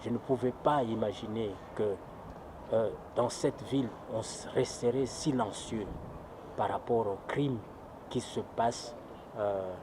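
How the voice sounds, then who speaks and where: A man from Congo speaks gravely in a documentary interview, with a lowish voice. He is emphatic and repeats phrases for effect. Clear city traffic noise sits behind him.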